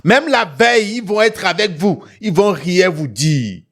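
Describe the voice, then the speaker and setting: A man with a West African French accent hosts an online talk show, speaking a little slowly in a high, expressive, somewhat bright voice. He tells stories to viewers emphatically and with animation, repeating phrases and adding questioning tags.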